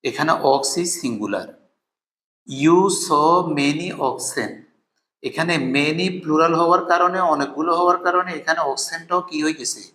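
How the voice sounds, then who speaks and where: A man teaching English grammar in Bengali, reading the English example sentences slowly and asking questions that he answers himself. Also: a little high, bright, forceful tone. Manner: asks rhetorical questions, then answers them. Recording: echoey room.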